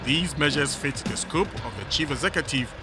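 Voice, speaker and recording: A man's voice: a little high, brisk. A man reading scripted documentary narration as the narrator. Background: music bed.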